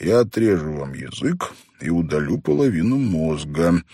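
A man doing a brisk joking doctor. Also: deep voice, sing-song, mellow, husky, no room sound, studio quality, full character voice. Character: brisk friendly male doctor.

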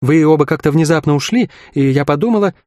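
A man voicing an earnest, cautious young woman in an audiobook, speaking softly. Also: fairly high pitch, lively intonation, fast, dry recording, clean studio sound, pitched above the performer's own voice, lightly acted.

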